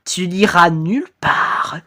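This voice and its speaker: A slow, low, menacing ghost titan with a camera for a head, as a woman puts him on. He drags out each threat in a darker voice, with big swings of pitch, in this fan cartoon reaction. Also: animated, fairly bright tone.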